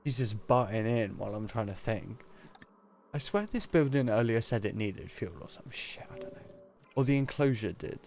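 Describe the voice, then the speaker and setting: A man's voice: on the low side, moderate pace, darkish tone, a little hiss or hum. A man casually commentating on his own gameplay, rambling, sweary and easily distracted. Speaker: streamer. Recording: game music playing underneath.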